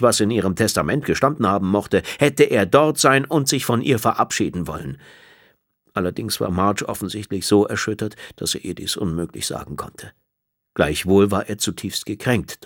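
A man reading an audiobook as narrator, calm and measured in his storytelling. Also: medium pitch, dry recording, clean studio sound.

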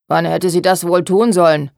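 A woman's voice: fairly low pitch, fairly even intonation, normal speed, gravelly, darkish tone, no echo. A spiteful seamstress in a storybook, voiced by a woman. She sneers at others in a snide, knowing way. The sound is dry and close. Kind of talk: audiobook reading.

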